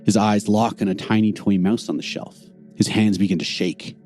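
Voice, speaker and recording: A man narrating a tabletop game as game master, a deliberate storyteller. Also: fairly low pitch, fairly even intonation, darkish tone, soft background music.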